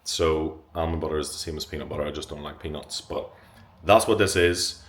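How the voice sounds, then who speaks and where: A man's voice: a bass voice, fairly even intonation, fairly quick. A young man talking casually to camera as a fitness vlogger, upbeat and chatty and swearing freely.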